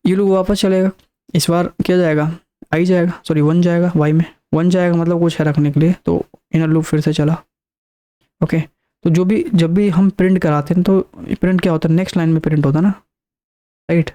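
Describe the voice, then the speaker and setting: A man with a voice on the high side, warm and steady, teaches a screen-recorded coding lesson at a brisk pace. He walks through the code step by step, counting aloud as he explains.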